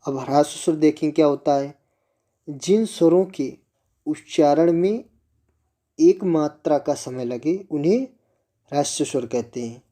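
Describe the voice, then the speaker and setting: Slow, patient, very dark-voiced male teacher. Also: on the high side. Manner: slow, patient, asks the class questions and answers them himself. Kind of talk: classroom lesson on Sanskrit grammar.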